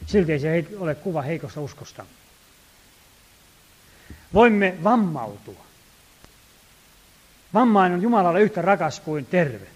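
A male preacher with a somewhat high voice delivers a sermon. He lingers over scripture lines with slow emphasis, swells louder on exhortations, and slips into homely stories told in a chatty way. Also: big pitch swings. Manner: folksy storytelling asides.

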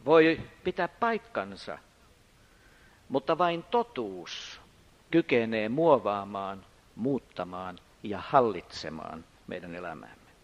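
An older man preaching a sermon, moving between loud emphatic declarations and quiet anecdotes. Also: on the high side. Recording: dull lo-fi sound.

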